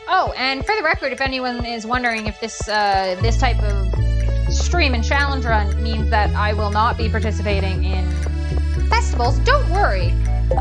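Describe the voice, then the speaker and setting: A woman streamer giving casual, chatty commentary as she plays a game, explaining what she does. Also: on the high side. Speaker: gaming streamer. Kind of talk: casual let's-play commentary. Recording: loud game music behind.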